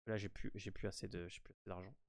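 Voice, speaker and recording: A man's voice: sits low, level tone, quick pace, gravelly, no echo, clean studio sound. A man with a French accent giving a casual, hesitant game walkthrough full of fillers and restarts. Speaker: gaming walkthrough host.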